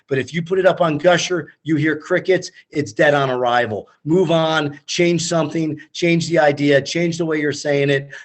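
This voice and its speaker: Husky-voiced emphatic male founder. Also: fairly high pitch. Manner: emphatic, motivational, speaks in quick punchy lists. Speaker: startup founder, interview guest. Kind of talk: conversational interview.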